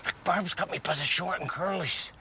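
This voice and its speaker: A man's voice: high voice, normal speed, sharp tone, slight background noise. An actor playing a drunk middle-aged man who pleads in a slurred, rambling way. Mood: pleading. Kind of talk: mockumentary sitcom acting.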